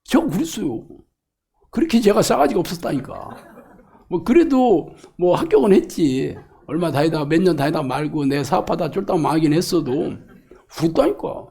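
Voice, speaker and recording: A middle-aged man preaching a lively, colloquial sermon as a pastor, acting out quoted voices and laughing along. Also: a little high, normal speed, vocal fry, breathy edge. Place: church or hall.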